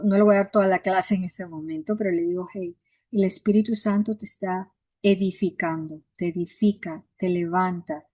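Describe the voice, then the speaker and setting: A woman's voice: mid-range voice, dark tone, no echo, clean studio sound. A woman pastor teaching a Bible class in an earnest, encouraging way, acting out how she coaches people in prayer.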